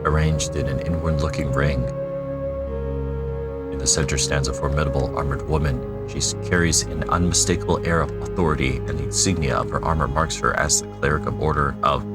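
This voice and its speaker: A young man hosting a gaming channel plays a retro RPG, reading the game text aloud and adding wry, musing asides in casual let's play commentary. His bass voice is brisk with fairly even intonation, heard over loud music.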